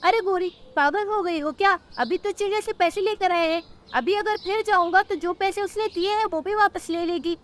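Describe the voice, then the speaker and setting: A woman's voice: extremely high pitch, moderate pace, hardly any pauses. A woman voicing a cunning, greedy male crow in a cartoon, wheedling as he begs. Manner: wheedling and grasping.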